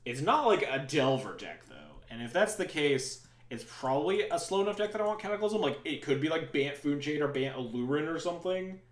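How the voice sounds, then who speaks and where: A man's voice: a little high, big pitch swings, fairly quick, few pauses, echoey room. A man streaming a card game, thinking aloud in rambling, sometimes sarcastic casual commentary.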